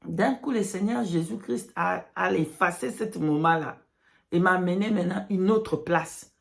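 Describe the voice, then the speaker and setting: A woman's voice: fairly low pitch, normal speed, vocal fry. A woman giving religious testimony in broken, non-native French, mixing in English words and repeating phrases emphatically. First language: not French. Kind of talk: religious testimony addressed to followers.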